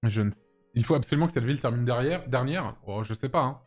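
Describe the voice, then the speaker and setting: A man's voice: medium pitch, fast talker, faint music behind. A man hosting a live stream, chatting casually with lots of fillers and teasing his guests. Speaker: streamer host.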